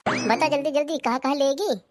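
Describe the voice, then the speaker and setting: A woman's voice: high-pitched, a little fast, lightly acted. A woman voicing a stingy, teasing village husband in a cartoon comedy, with a scolding, mock-dramatic manner. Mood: teasing grumbling.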